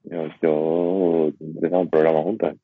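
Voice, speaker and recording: A deep, husky man jokes and teases in casual chat. The sound is thin and phone-like, with music behind. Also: flat delivery, moderate pace, no room sound. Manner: joking, teasing. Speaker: podcast co-host.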